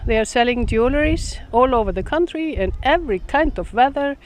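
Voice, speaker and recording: A woman's voice: fairly high pitch, expressive, a little fast, crowd noise. A woman from Iceland with an Icelandic accent, a native Icelandic speaker, giving a heartfelt speech at a school opening with many restarts and fillers. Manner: hesitant, frequent restarts and fillers.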